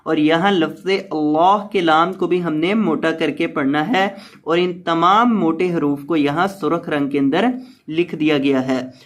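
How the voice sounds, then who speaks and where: A man with a high voice teaches Quran recitation one word at a time. He speaks slowly and patiently, explains each rule, then draws the recited words out long and deliberate. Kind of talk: slow word-by-word tajweed lesson.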